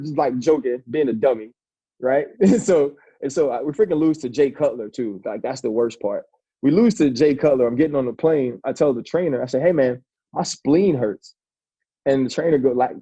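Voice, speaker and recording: A man's voice: mid-range voice, warm tone, husky, no echo, lo-fi sound. A man in his forties, a former football player, telling a long personal story in a casual interview, talking loosely with many restarts and calling the host "bro".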